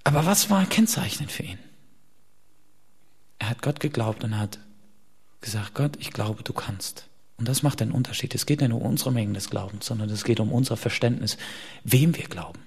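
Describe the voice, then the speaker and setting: A man preaching a sermon to his congregation, dropping to hushed whispers and rising to loud emphatic peaks. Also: mid-range voice, expressive, fairly quick, pauses often, breathy edge. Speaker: pastor.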